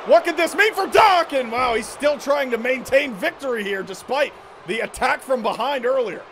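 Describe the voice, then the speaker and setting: A man's voice: very high-pitched, expressive, moderate pace, a bit bright, slight background noise. A man calling wrestling play-by-play in a dramatic, exclamatory style of match commentary.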